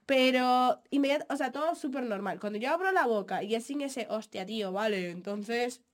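A young woman chats casually as a podcast co-host. She is animated, full of fillers, and often talks over her partner. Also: sits high, a little fast. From Latin America. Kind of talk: casual chat.

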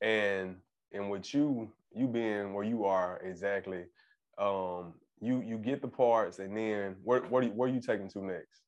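Male interviewer, low-pitched, casual, affirming. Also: measured pace, lo-fi sound. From Arkansas, US. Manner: relaxed, affirming, repeats words.

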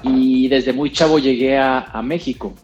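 A middle-aged Costa Rican man, an actor and presenter, chats casually as a guest, relaxed and laughing often. His mid-range voice is a little slow, with lo-fi sound and faint music behind it.

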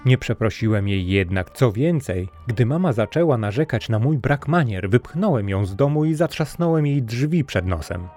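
A man's voice: mid-range voice, lively intonation, moderate pace, few pauses, warm tone, faint music behind, natural voice. A man voicing a sly male robber who spins a tall tale with eager, wheedling patter, in a storybook reading.

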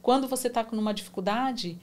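Speaking fairly quickly in a fairly high voice, this podcast guest, a woman in her forties, gives her faith testimony. She tells it with emotion and animation, reenacting the prayers she describes.

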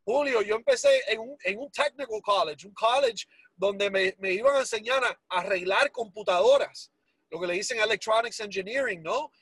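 Casually telling his story as an interview guest, this Miami man in his forties has a Cuban Spanish accent and a high, husky voice, joking at his own expense with animated humor. English words slip into his Spanish at a moderate pace, and the sound is close and dry with no echo.

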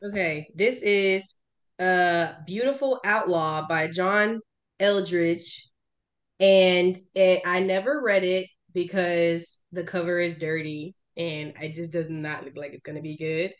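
A woman co-hosting a casual podcast, animated and joking, calling out her friends. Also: fairly low pitch, takes it slowly. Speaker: podcast co-host.

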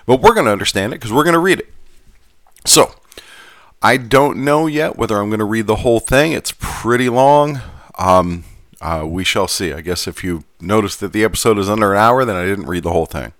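Low-voiced casual man hosting a podcast. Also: animated, fairly quick, fairly bright tone, dry recording, studio quality. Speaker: podcast host.

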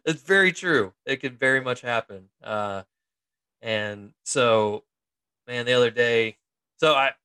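A man's voice: medium pitch, slow pace, pushed and bright, clear, resonant tone, no echo. A man in his thirties co-hosting a casual podcast chat, chatty with lots of fillers and frequent laughter. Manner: laughs often, chatty with many fillers and restarts. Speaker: co-host, military investigator in the reserves.

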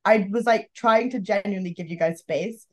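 A woman's voice: medium pitch, fairly quick, darkish tone, lo-fi sound. A woman co-hosting a casual podcast, telling a story with lots of "like" and bursts of laughter. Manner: chatty storytelling, heavy use of "like", frequent laughter. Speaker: podcast co-host. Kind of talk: casual chat.

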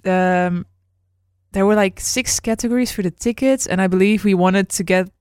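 Woman podcast host chatting, animated storyteller, mid pitch, dry studio sound. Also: normal speed, clear, resonant tone, no room sound. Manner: animated storytelling, acts out quotes with laughs. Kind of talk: casual chat.

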